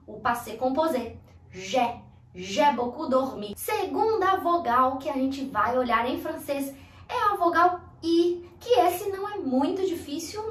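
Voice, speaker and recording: High-voiced woman teaching pronunciation slowly. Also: echoey room, recorded from a distance. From Brazil. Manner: clear, slow demonstrations of sounds. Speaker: language teacher. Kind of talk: online language lesson.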